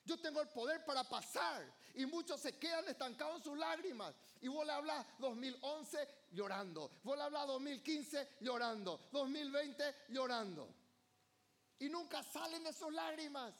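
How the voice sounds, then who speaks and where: A man's voice: very high-pitched, animated, a little slow. A male pastor, preaching a fervent evening sermon in church and calling on the congregation to answer him. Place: church service.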